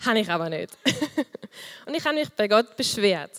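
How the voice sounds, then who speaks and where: A woman, leading a group and giving a personal sermon, her voice soft and quiet, lively and warm with small laughs, speaking into a handheld microphone. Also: mid-range voice, a little slow, long reverb tail. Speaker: youth group leader giving a talk.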